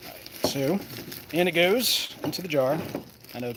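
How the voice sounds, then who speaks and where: Here a man hosting a pipe smoking show talks at normal speed, his voice on the high side and animated. He rambles in a playful, folksy way, frequently abandoning a thought partway. Background ambience comes through clearly.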